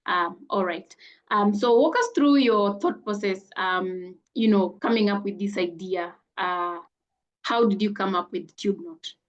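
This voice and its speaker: A woman's voice: medium pitch, measured pace, muffled recording. A woman hosting an online interview with a graduate, upbeat and full of praise. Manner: upbeat, effusive praise with frequent "amazing". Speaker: host.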